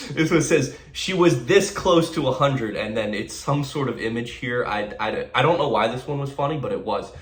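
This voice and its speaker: A man rambles through sarcastic commentary on a run of memes, stumbling over his words and repeating himself as he goes. His voice sits at an ordinary middle pitch. The recording has a noticeable echo, as if made in a bare room. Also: fairly bright tone. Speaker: meme reaction commentator. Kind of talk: casual comedic commentary.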